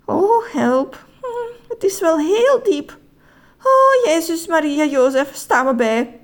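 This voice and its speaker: Storybook part: fussy, easily frightened man, shrill and jumpy, voiced by a woman. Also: big pitch swings, moderate pace, darkish tone. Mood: scared. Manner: whimpering, shrieking, fretful. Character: fussy panicky man in a spacesuit.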